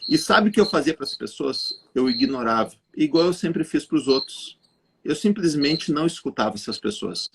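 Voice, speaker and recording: A man, a guest telling an animated story straight to the viewers of a live chat. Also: fairly high pitch, husky. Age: 40s. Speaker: guest entrepreneur.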